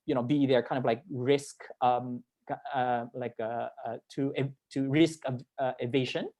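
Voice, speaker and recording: A young Filipino man with a medium-pitched, somewhat mellow voice speaks at a normal pace in a steady tone. Appearing as a panelist on a video call, he chats casually about his work, rambling and repeating words for emphasis.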